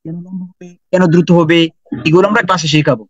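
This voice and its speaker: A man's voice: high voice, fairly even intonation, fast talker, husky, no room sound, muffled recording. A man teaching an online lesson in Quran recitation, patiently explaining and repeating sounds and examples.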